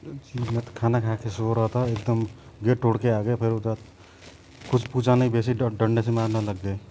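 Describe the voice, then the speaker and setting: A man from Nepal answers in short, hesitant phrases with a dark, mellow tone. Faint background noise sits under his voice. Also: medium pitch, little pitch movement, moderate pace. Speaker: interviewee, assault victim.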